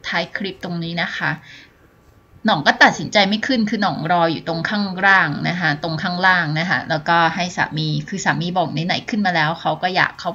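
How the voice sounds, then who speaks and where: A chatty woman on a mountain trail narrates a casual travel vlog, polite and full of filler sounds, recording on a phone at arm's length. Her fairly low voice is brisk and sharp-toned, though the audio sounds dull.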